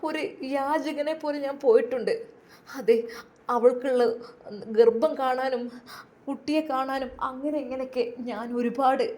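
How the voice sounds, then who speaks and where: A woman's voice: high voice, fairly even intonation, mellow. A woman doing a furious, hurt young husband. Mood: angry. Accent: Malabar Malayalam. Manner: harsh, scolding, rapid questions. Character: angry, hurt young husband, quick-tempered.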